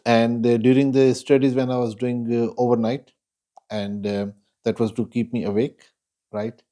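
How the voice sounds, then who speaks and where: A man from Pakistan, a guest recounting his life in a casual interview, measured and reflective with frequent pauses. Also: medium pitch, level tone, dark tone. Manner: measured and reflective, pausing often.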